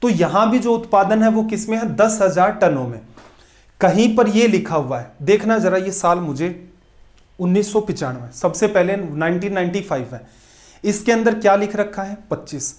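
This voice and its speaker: A man's voice: sits high, expressive, normal speed, a little mellow. A man teaching a competitive-exam math lesson, asking questions and answering them himself, with emphatic repetition.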